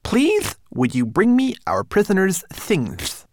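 A man doing a fussy little homunculus, prim and shrill. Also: huge pitch swings, slow pace, slight background noise, exaggerated voice. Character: small fussy male homunculus, prim servant.

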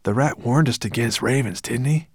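A man's voice: medium pitch, moderate pace, creaky, slightly rough, dry recording, clean studio sound, voice pushed up. A man voicing an anxious young boy in a storybook reading, urgent and worried. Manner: worried, urgent whispers and shouts. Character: anxious brave young boy riding a dragon.

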